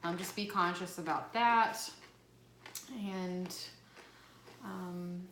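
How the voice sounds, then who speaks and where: A woman's voice: fairly low pitch, fairly even intonation, drawn-out words, fairly bright tone. Chatty Southern woman in an echoey room. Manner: chatty, lots of "like" and "um". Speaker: vlog host. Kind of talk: casual chat. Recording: echoey room, faint noise.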